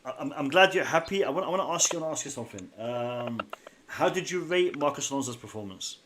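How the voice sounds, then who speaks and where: A man's voice: medium pitch, lively intonation, fast, background noise. A man from Iraq hosting a live stream chat, upbeat and repeating his phrases. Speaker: host.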